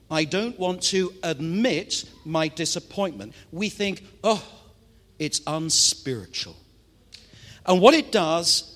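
A British man, a pastor, preaching a sermon in an animated, playful way and talking straight to the congregation. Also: a little high, long reverb tail. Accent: British English. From Britain.

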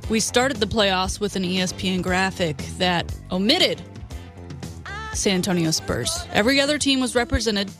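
Female sports radio co-host, mid-pitched, casual and opinionated, light music bed. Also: normal speed, a bit bright. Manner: opinionated, conversational.

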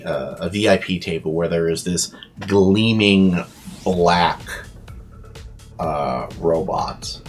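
Brief: male game master, lowish voice, slow unhurried delivery, halting with fillers, music behind. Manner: halting, many fillers while describing. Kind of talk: narrating a tabletop game.

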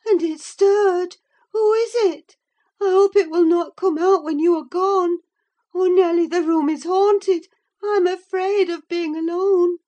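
In an audiobook of a classic novel, a female performer portrays a terrified young married woman in delirium, fretful and pleading, with gasping exclamations. The character's voice is high, set above the performer's own, delivered slowly with a warm tone.

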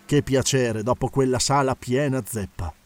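A man narrating an audiobook in a steady, measured storytelling manner. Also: medium pitch, no echo. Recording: faint background hiss.

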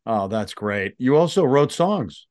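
A man's voice: mid-range voice, sing-song, measured pace, darkish tone, dry recording, clean studio sound. A man in his sixties hosting an interview, asking questions with a fan's enthusiasm. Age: 60s. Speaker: host.

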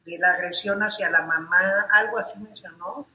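A woman co-hosting a gossip chat, an animated, slangy, teasing storyteller. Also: on the low side, moderate pace. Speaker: gossip show co-host. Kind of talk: casual showbiz gossip chat. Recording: echoey room.

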